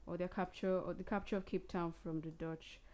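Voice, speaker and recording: A woman hosting a casual talk show, reading historical dates and then discussing them in a relaxed way. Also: on the low side, brisk. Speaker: host. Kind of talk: casual radio history chat.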